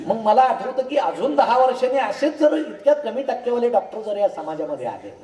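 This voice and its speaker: A man's voice: extremely high pitch, sing-song, fairly quick, mellow. Joking Marathi-accented man lecturing in echoey hall. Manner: joking storyteller, acts out dialogue. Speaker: public lecturer. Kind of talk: humorous lecture to a crowd. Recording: echoey hall, distant mic, crowd.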